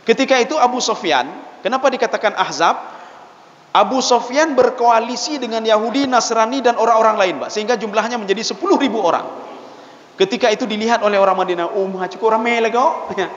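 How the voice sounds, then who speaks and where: A high-pitched man with an Acehnese accent delivers an animated sermon, slipping into acted voices for the people in his stories. He sounds roomy and distant in a large hall, with a lo-fi, slightly noisy recording. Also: quick pace. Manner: animated storytelling, acts out quoted voices, addresses listeners as Pak. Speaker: preacher. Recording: echoey hall, lo-fi with noise.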